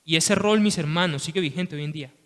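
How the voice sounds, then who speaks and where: A man's voice: fairly high pitch, quick pace. A man preaching a sermon to his congregation, impassioned, with frequent "hermanos" and "¿sí?". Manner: impassioned, repeats "hermanos" and "¿sí?" often. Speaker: lay preacher. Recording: long reverb of a church hall.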